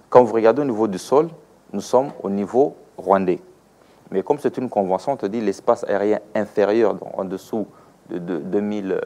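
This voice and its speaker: A man with a lowish, mellow voice and a Congolese French accent, from the Democratic Republic of the Congo. As an aviation expert in an interview, he gives instructive, explanatory answers, drawing on examples and posing rhetorical questions.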